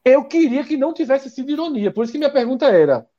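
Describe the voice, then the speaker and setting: Man, Brazil, live stream football host, rapid speech, muffled low-fi sound. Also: lively intonation, warm tone. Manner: keeps disagreeing, reads chat comments. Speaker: sports show host. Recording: dull lo-fi audio.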